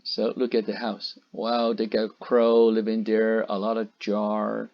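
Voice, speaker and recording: A man's voice: lowish voice, completely flat delivery, measured pace, creaky. A man reading a storybook aloud for children, stopping to explain words and point at the pictures. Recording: dull lo-fi recording.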